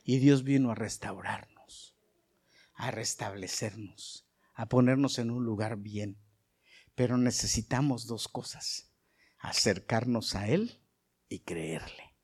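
A middle-aged male pastor, preaching a sermon that swings from soft, chatty asides to loud, rising bursts. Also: fairly low pitch, slow, husky.

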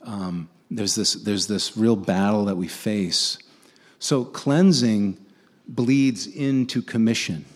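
Man, preacher, conversational sermon, husky voice, earnest, rhetorical questions. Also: fairly low pitch, takes it slowly. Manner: asks listeners frequent rhetorical questions; earnest, with frequent restarts and "um"s.

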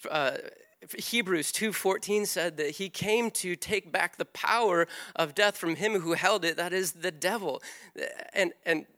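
Man, sermon testimony, animated storytelling, bright tone, slightly high voice. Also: measured pace.

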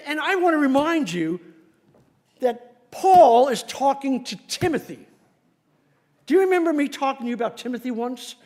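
With a notably high-pitched voice, a pastor delivers his sermon energetically and forcefully, his pitch ranging widely while he laughs often to underline what he's saying.

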